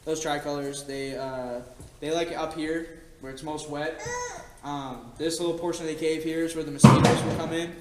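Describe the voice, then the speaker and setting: A man's voice: on the high side, steady tone, moderate pace. A man working as a cave tour guide, talking to his group in a jokey, informal way. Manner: jokey, informal, addresses group as "you guys". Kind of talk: guided tour patter, explaining and joking to a group. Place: inside a cave, on an open tour vehicle. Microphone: picked up from a distance by a passenger's recorder. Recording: echoey cave, distant, with people and vehicle noise.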